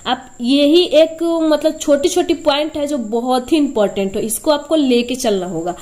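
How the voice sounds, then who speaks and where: A woman's voice: high-pitched, moderate pace, darkish tone. A woman teaching a spelling lesson step by step, patiently repeating each sound and answering her own questions.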